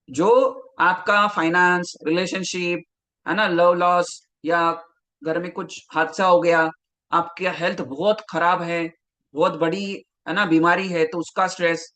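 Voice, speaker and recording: Bright, high-voiced male coach. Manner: lively, talks straight to viewers, reads out their names from the chat. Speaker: health coach. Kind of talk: live online masterclass.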